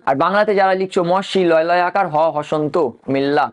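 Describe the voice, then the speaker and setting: A man teaching history runs an exam-prep lecture, spelling names letter by letter and answering his own questions. His voice is high, smooth, and brisk.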